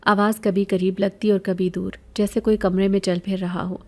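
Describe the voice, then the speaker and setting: A woman narrating a scripted first-person horror story in a measured, even way. Her voice is mellow and warm, with a middle pitch.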